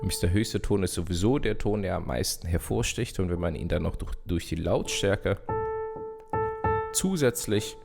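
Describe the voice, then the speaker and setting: Gravelly man teaching piano. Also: low-pitched, normal speed. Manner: relaxed, talks directly to viewer, sings rhythms as syllables. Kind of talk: casual online piano lesson. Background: piano playing.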